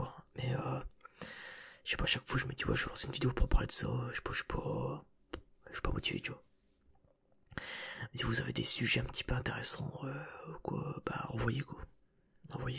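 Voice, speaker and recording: A man's voice: medium pitch, expressive, fast, creaky, pauses often, pushed and bright, breathy edge. Man whispering ASMR right in your ear. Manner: whispering close to the mic, right in the listener's ear; rambling, casual and informal, addressing the listener directly. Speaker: ASMR video creator and host. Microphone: close binaural microphone.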